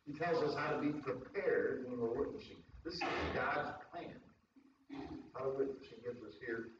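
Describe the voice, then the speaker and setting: A man's voice: medium pitch, moderate pace. Lay preacher, male, folksy storyteller; very echoey room, distant dull mic, faint hiss. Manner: homespun, rambling storyteller who laughs at his own jokes. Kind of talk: folksy sermon with jokes.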